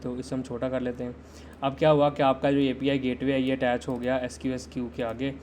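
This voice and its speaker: Male tech instructor for a live lesson. Conversational and steady with little pitch movement. Keeps putting questions to the viewers. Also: brisk, a little hiss or hum. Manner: conversational, quizzes viewers and waits for chat answers. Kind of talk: live-streamed system design lesson.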